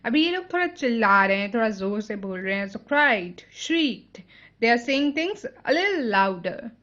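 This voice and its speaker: A woman's voice: a little high, sing-song, fairly bright tone, muffled recording. A woman teacher reading a novel aloud and explaining it line by line. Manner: explanatory, slow. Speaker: English teacher.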